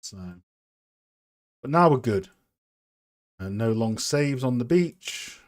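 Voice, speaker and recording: A man chatting loosely on a live stream, his voice sitting at a middle pitch. He rambles, fills gaps with ums and uhs, and makes fun of himself as he works. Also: animated, slow. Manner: rambling and self-deprecating, many fillers. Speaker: streamer and game art host. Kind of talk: casual live-stream chat while modeling.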